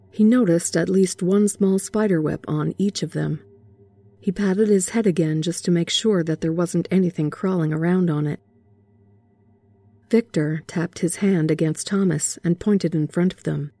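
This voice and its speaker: A woman narrating a horror short story in a steady, measured way. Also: on the low side, breathy edge, no room sound.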